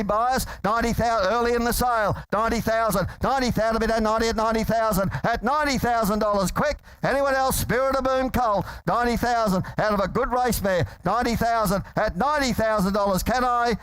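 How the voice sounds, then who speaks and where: A man's voice: high-pitched, a bit bright, clean tone, dry recording, poor audio. An Australian man working as a livestock auctioneer, calling bids in an urgent, repetitive chant and coaxing buyers. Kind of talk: rapid auction chant and sales patter at a horse sale.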